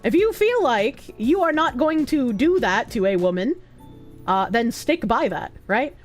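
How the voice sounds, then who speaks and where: High, animated Boston-accented woman streamer. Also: unhurried, soft background music. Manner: bawdy, swearing, joking. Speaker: livestream host. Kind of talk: casual chat with viewers.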